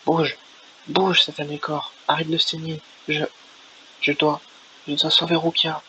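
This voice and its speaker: A man's voice: fairly high pitch, monotone, a little slow, bright, forceful tone. A man voicing a determined teenage swordsman hero, reading game dialogue aloud in a plain, earnest way, on a lo-fi recording. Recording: lo-fi with faint hiss.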